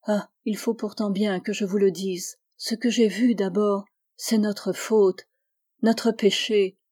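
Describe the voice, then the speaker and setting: A woman's voice: mid-range voice, fairly even intonation, slow pace, warm tone. A woman voicing an anguished, fervent young woman who was once blind, speaking with pleading intensity that rises to vehemence, in an audiobook. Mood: vehement.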